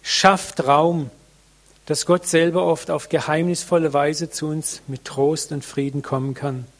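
Guy giving a sermon, slightly high voice, earnest and slow with lots of pauses, talks right to the congregation. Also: flat delivery. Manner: earnest, pausing, addresses the congregation directly. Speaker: preacher.

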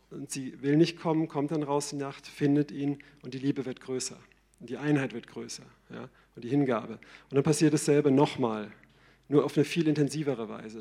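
A man preaching a sermon in a conversational, lively way, often checking in with "ja?". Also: mid-range voice, creaky.

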